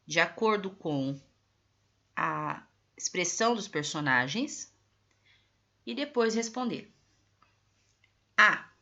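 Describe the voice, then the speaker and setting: A woman's voice: mid-range voice, fairly bright tone. A woman teacher with a Brazilian Portuguese accent, going over textbook exercises with her pupils and stressing each phrase. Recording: dull lo-fi recording.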